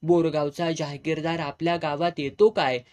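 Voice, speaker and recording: A man with a fairly high voice tells a dramatic village story, painting scenes in vivid, earthy rural language. His delivery is expressive storytelling, steady through the narration. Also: normal speed.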